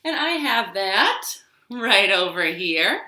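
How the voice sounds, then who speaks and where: A woman librarian hosts a children's storytime in a sing-song way, stretching out repeated words and offering simple, encouraging instructions. Her medium-pitched voice swings widely in pitch and sounds pushed and bright as she speaks slowly in a roomy, echoing living room.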